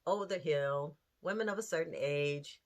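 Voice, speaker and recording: Host, woman, late fifties, lowish voice, earnest direct-to-camera chat with rhetorical questions. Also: moderate pace. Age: 50s. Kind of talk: candid talk to camera.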